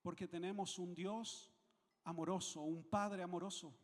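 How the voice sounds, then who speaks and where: High-voiced Chilean pastor preaching. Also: male voice, steady tone, a little slow, big-room sound. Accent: Chilean Spanish. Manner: emphatic, repeats phrases for weight, asks the congregation questions. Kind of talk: sermon.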